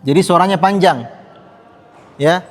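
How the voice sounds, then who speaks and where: A high-pitched man teaches Quran recitation at an unhurried, deliberate pace. He patiently repeats each sound for his students to echo. His voice rings with the long reverb of a large hall. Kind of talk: classroom tajwid lesson.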